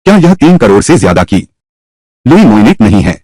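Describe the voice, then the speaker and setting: A man voicing all the characters of a drama by himself, switching pitch between roles. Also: big pitch swings, a little fast, darkish tone, dry recording. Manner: voices every character himself with shifting pitch. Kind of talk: single-voice dub of a drama.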